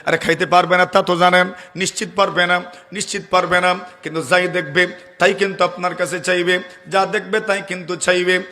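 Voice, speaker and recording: A male Islamic preacher giving a waz sermon. He chants Quranic verses in a slow melody and keeps asking the crowd rhetorical questions. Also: high-pitched, little pitch movement. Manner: asks the audience rhetorical questions; swells to loud emphatic peaks, then drops to soft storytelling.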